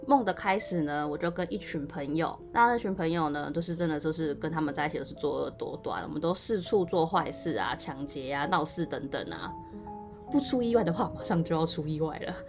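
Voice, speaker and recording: A woman with a fairly low voice tells a first-person story on a podcast. Her talk is chatty and loose, full of fillers and restarts. Soft music plays faintly underneath. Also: animated, brisk. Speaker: podcast co-host.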